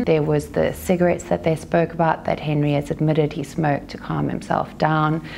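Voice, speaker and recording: A South African woman, a lawyer, giving a measured, careful recap of a day in court. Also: low-pitched, gravelly, warm tone, slight background noise. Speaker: legal commentator. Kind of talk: courtroom news commentary.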